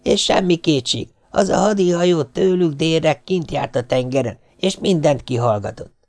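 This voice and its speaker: A man voicing a boastful, scheming Swedish sailor who talks down to others and lies smoothly. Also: fairly high pitch, darkish tone, no room sound, voice pushed up, close to an everyday voice. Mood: lecturing. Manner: condescending, smoothly lying.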